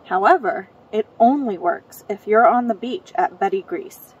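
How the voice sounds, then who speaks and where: A woman from Michigan reads local legends aloud outdoors on a cold night. Her delivery is steady and measured, and her voice is slightly husky. She sits at a distance from the mic. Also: mid-range voice, dull audio. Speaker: co-host of a ghost story show.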